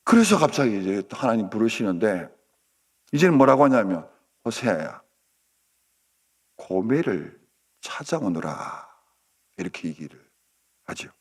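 A man preaching at a dawn prayer service, telling a story dramatically and swinging between loud outbursts and hushed asides. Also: on the low side, sing-song, a little fast, husky. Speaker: pastor.

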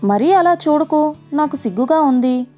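A woman's voice: high voice, lively intonation, a little slow, dark tone, faint music behind. A woman voicing a teasing young male spirit. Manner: teasing, murmured close to the ear. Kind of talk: audiobook character voice.

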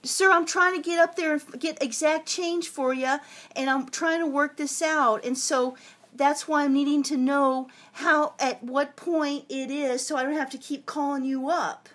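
A woman filming herself on a handheld phone outdoors in a parking lot, politely but persistently pressing for clear answers. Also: sits high, fairly even intonation, normal speed, a bit bright. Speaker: towing victim filming her ordeal. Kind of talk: handheld phone vlog and phone call. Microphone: phone camera held in hand.

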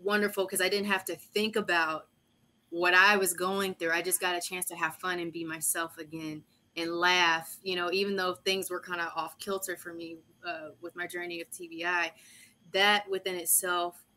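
A woman's voice: fairly low pitch, little pitch movement, moderate pace, sharp tone. A woman speaking as a panelist, reflectively sharing a grateful personal story over a video call.

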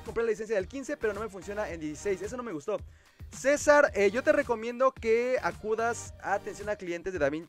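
Livestream host, male, Mexican accent, high voice, chatty and friendly with viewers, soft music underneath. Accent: Mexican Spanish. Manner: chatty, reads viewer comments aloud and replies. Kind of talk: casual livestream chat.

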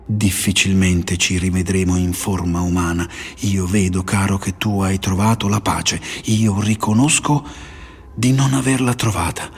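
A man narrator voicing a humble, devoted old male seeker who speaks softly and reverently. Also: deep voice, steady tone, a little slow, breathy edge, heavily acted. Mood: pleading, reverent. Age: older. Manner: soft, pleading, reverent.

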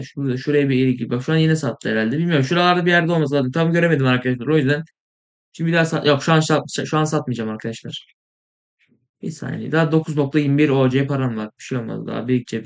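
A young man casually commenting on his gameplay, rambling and excitable, sometimes mumbling, saying he is tired. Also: mid-range voice. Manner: rambling, excitable, swears in frustration, trails off into mumbling. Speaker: gaming video host.

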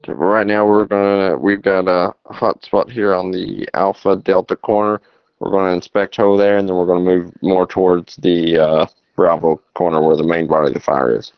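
A firefighter speaking in terse procedural phrases over a two-way emergency radio, like ambulance radio traffic. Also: male voice, deep voice, flat delivery, normal speed, smooth, dry recording. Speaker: firefighter on roof crew. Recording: dull lo-fi radio transmission.

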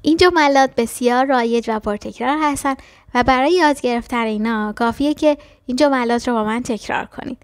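A woman teaching a language lesson, explaining quickly and then repeating short phrases slowly and carefully. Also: a little high, no echo. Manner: switches between fast explanations and slow, careful repetitions. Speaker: English teacher.

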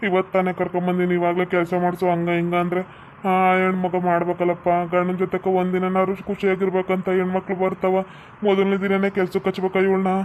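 A woman's voice: lowish voice, monotone, fast talker, a little mellow, slight background noise, close to an everyday voice. A woman voicing a young village husband in a cartoon, coaxing and soothing in a North Karnataka accent. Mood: protesting. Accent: North Karnataka Kannada. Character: young village husband comforting his wife.

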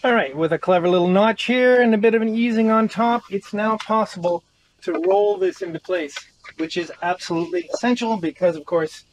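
A man's voice: sits high, a little hiss or hum, low-quality recording. A middle-aged man giving casual, upbeat how-to narration while working on a wooden boat outdoors, recorded on a nearby action camera. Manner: upbeat, explains each step while working. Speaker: boat-living vlogger. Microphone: wide-angle action camera nearby.

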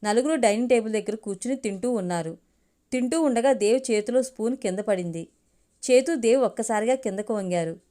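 A woman narrating a family story for an audio storybook in a steady, measured reading. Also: on the high side.

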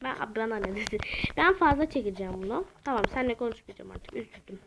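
A woman giving let's-play commentary as a gaming channel host, excitable and groaning and exclaiming whenever she fails. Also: a little high, fast, vocal fry, background noise.

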